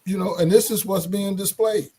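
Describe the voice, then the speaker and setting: A man's voice: sits high, fairly even intonation, moderate pace, mellow, slightly rough. A man talking casually in a group discussion, often checking that his listeners follow him. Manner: conversational, often checks for agreement with tag questions.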